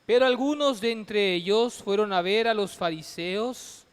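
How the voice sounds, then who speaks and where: A man reading scripture as a clergyman at Mass, solemn and measured, declaiming in phrases with pauses, with cathedral echo. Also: high-pitched, clean tone. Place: large reverberant church. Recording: long cathedral echo and reverb.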